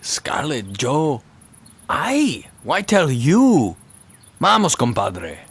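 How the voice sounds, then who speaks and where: A man voicing a vain male movie star in a game who drops Spanish words into his talk, with a husky, gravelly voice. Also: medium pitch, wildly swooping pitch, very slow, exaggerated voice. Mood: lazy boastful. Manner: sprinkles Spanish words, lazy drawl. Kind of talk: game voice acting.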